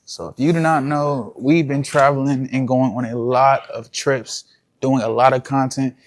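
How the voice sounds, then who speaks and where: A man's voice: medium pitch, fairly even intonation, moderate pace. A young man, a content creator, talking casually and slangily to his viewers in a vlog. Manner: casual slangy talk, addresses viewers as y'all.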